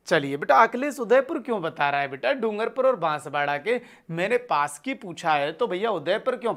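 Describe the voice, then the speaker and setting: A male exam-prep teacher runs a live online class in a high-pitched, fairly bright voice. He uses call-and-response, answering his own questions, addresses viewers as brothers and son, and reads out their comments.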